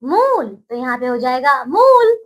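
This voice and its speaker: Sing-song high woman teaching children. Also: big pitch swings, measured pace, poor audio. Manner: sing-song, stretches each target word upward. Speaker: primary school Hindi teacher. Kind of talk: slow teaching lesson for children.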